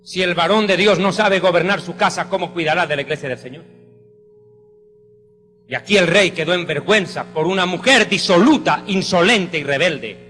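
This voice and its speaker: A man's voice: sits high, moderate pace, bright, forceful tone. A man preaching a sermon with fervent, exclamatory emphasis. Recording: reverberant hall with faint music.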